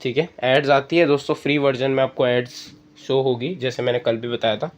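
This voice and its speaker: In a brisk, steady tone at medium pitch, a man leads a spoken tutorial on a screen-reader app. He goes step by step and treats the audience as his friends.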